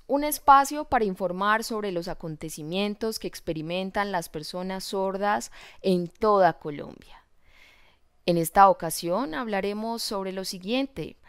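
A woman delivers a scripted news introduction in a formal, announcer-like manner. Her voice is smooth and resonant. It is recorded close and dry, with no room sound. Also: mid-range voice, a bit bright, no echo. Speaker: voice interpreter for a news presenter.

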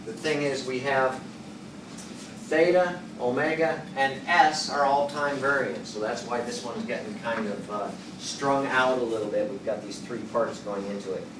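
A man in his sixties giving a chalkboard lecture, working through equations and thinking out loud, hesitating and correcting himself. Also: mid-range voice, moderate pace. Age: 60s. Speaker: engineering lecturer. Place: classroom at a chalkboard. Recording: roomy classroom, distant mic, background noise.

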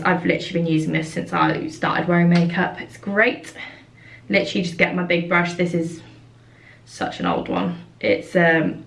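A woman's voice: fairly low pitch, gravelly. Chatty woman, roomy distant sound. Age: 20s. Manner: chatty, with frequent fillers. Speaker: vlogger. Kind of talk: casual chat while doing makeup.

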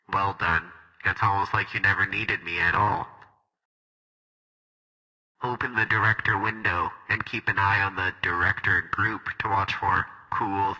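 A man's voice: lowish voice, pushed and bright, rough recording. Director Bot, a man doing a bragging robot voice. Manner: grandiose, self-praising announcer delivery. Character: boastful cheerful male robot guide. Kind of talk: scripted demo narration.

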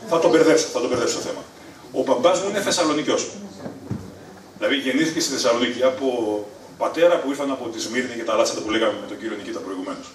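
A middle-aged man from Thessaloniki, Greece, telling funny family stories live on stage, animated and leaping to a high excited pitch at punchlines. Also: far from the mic, crowd noise. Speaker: stand-up storyteller. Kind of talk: live stand-up storytelling. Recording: echoey room, voice from afar.

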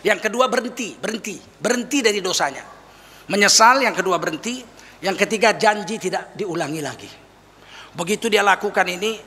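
Man, preacher, lively sermon, high bright voice, acts out tearful prayers. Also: a little hiss or hum. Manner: animated, mimics weeping prayers, jokes with audience. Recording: long reverb of a hall.

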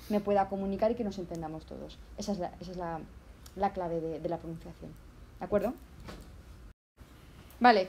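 This woman from Spain, a language teacher with a Zaragoza accent, has a mid-range, slightly mellow voice, and there's a little background noise. Her casual video lesson is chatty, full of fillers and restarts, with acted-out examples.

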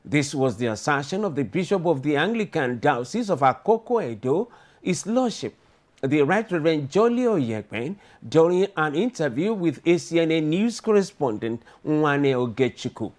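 A man's voice: a little high, normal speed. A man reading the news formally as a studio anchor. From Nigeria. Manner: formal, lively newsreader delivery.

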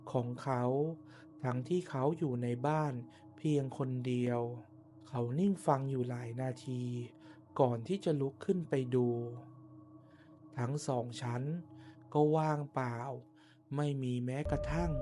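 A man tells a scripted horror tale at a slow, deliberate pace. His voice is soft and dark, set in short phrases with pauses between them. Some ambient noise sits behind the narration. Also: mid-range voice. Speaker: ghost story narrator. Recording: noticeable background noise and ambience.

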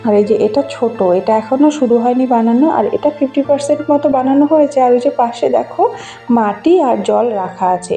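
A woman in her thirties from Bengal, chatting to viewers on a casual village vlog as she walks through a garden filming on her phone. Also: fairly high pitch. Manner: chatty, gently enthusiastic, talks to viewers while showing things. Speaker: village vlogger. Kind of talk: casual walking vlog narration. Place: outdoors in a rural garden and fields. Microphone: handheld phone camera.

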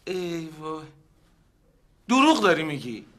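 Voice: mid-range voice, big pitch swings, fairly bright tone. An actor playing a fussy relative who keeps correcting someone's dialect and worries about being embarrassed. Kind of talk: sitcom acting.

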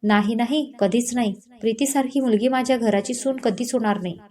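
A woman's voice: on the high side, brisk, warm tone, lightly acted. A woman voicing an older father-in-law in a read-aloud romance, firm and fatherly. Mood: stubborn. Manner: firm then tender, fatherly.

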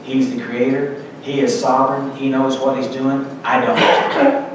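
A man's voice: mid-range voice, flat delivery, measured pace, noisy background. A middle-aged man preaching a sermon at a pulpit, earnestly reading scripture aloud with emphasis. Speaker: pastor. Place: church sanctuary, indoors, at a pulpit. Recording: echoey church from far off.

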